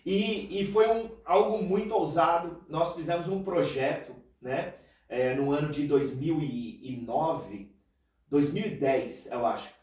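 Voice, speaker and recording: Speaking slowly in a highish, slightly mellow voice, this Paraná-born pastor with a São Paulo city accent shares his story on a casual podcast. He's earnest and talkative, ending phrases with "né" again and again. The low-quality recording is very echoey, with a distant mic.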